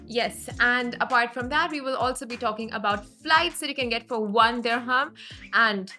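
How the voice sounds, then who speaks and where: A woman with a fairly high, very bright voice co-hosts a news podcast. She talks casually, moving between headlines and friendly chat. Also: normal speed, faint music behind. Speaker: podcast co-host.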